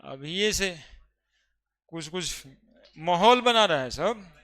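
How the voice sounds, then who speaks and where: A man teaching chemistry in a classroom, with a bright, crisp voice. He talks slowly and chats and jokes with his students. When he explains he gets loud and emphatic. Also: high-pitched, lively intonation. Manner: chatty, joking with students before teaching.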